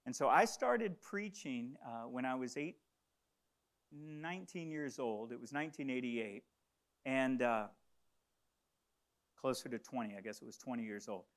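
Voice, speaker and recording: A man's voice: medium pitch, a little slow, long pauses. A middle-aged man who grew up in the Congo, preaching a sermon and repeating key phrases with stammered emphasis.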